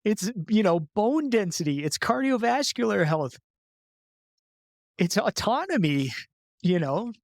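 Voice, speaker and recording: Man, podcast guest, high voice, casual rambling chat, filler-heavy, dry close sound. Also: sing-song, a little slow, creaky, long pauses, no echo. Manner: loose and chatty, heavy filler words, frequent laughs. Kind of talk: casual conversational interview.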